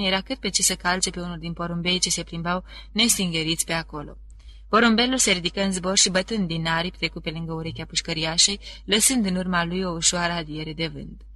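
Bright, measured audiobook narrator. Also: medium pitch. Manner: measured, descriptive reading. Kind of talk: scripted literary narration.

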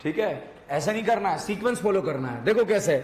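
A man teaching chemistry to a class, loudly firing quick questions at the students and scolding them with teasing remarks. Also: high-pitched, lively intonation. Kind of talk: classroom lecture. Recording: echoey room with crowd noise.

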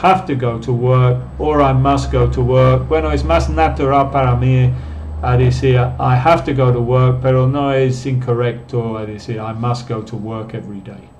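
A man's voice: medium pitch, steady tone, a little slow, a little mellow, dull audio, a little hiss or hum. A man teaching a live online class, patiently explaining step by step and reading out viewer comments. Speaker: English teacher.

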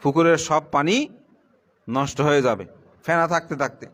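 A middle-aged Buddhist monk delivering a sermon to lay followers in a plain, conversational way, his voice sinking low as he finishes each point. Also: moderate pace, a bit bright. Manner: plain conversational preaching, pitch drops at the end of points.

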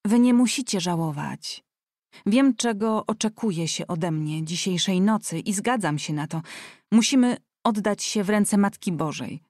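A woman's voice: medium pitch, animated, a little slow, a little mellow, no room sound, clean studio sound. A woman reading an audiobook voices a shy, devout young woman who lisps slightly like a child. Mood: timid.

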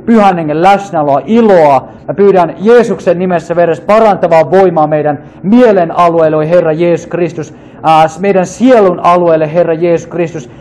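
A man's voice: a little high, darkish tone. A man leading a fervent free prayer, calling out repeated invocations and sometimes speaking in tongues. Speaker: prayer leader.

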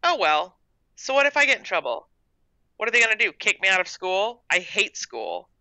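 A woman's voice: mid-range voice, sing-song, normal speed, pushed and bright, no echo, voice pushed up. A woman reading a story and voicing a sullen, defiant older sister who speaks curtly, on a dull, dry recording. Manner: curt and sulky.

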